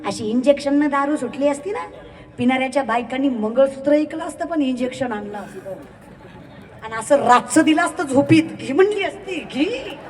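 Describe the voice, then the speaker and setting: Young woman kirtan preacher, high voice, animated and teasing, long echo from a public-address system. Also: a little fast. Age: young adult. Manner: animated, mimics villagers, teasing. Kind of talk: devotional sermon with comic asides. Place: large outdoor ground.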